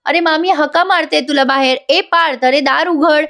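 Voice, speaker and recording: A worried young woman calls out urgently through a locked door, as a woman reviewer puts her on. The voice sits well above the teller's usual pitch, pressing and insistent. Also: normal speed, fairly bright tone.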